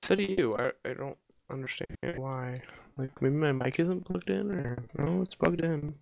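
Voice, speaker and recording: A man's voice: a little high, moderate pace, vocal fry, no room sound, muffled recording. A man chatting casually over a let's-play game, easygoing and curious. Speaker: gameplay commentator.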